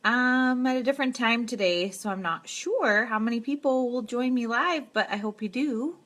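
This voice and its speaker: A woman's voice: fairly high pitch, normal speed, a bit bright. A woman in her thirties hosting a casual live stream, chatting in an encouraging way with lots of "um"s. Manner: chatty, filler-heavy, encouraging.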